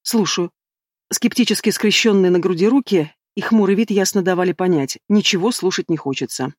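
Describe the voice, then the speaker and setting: A man narrating an audiobook in a measured, even reading style, close to the mic. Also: high voice, no echo. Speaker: audiobook reader. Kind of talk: scripted narration.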